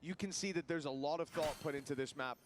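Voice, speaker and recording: A man's voice: on the high side, fast talker, a little hiss or hum. A man delivering live esports caster commentary, calling plays and explaining tactics.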